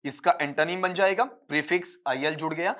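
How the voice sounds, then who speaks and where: Teacher with slightly high voice. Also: male voice, a little fast, pushed and bright. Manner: explains step by step, asks questions and answers them; addresses students as beta. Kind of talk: exam-prep lecture.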